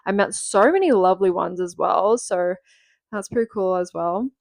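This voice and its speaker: A woman in her twenties, sick with a cold and a bit nasal, chats alone through a home-recorded podcast, rambling with frequent fillers and laughs. Her mid-range, darkish voice is gravelly and fry-tinged, at normal speed. The sound is close and dry, with no room echo.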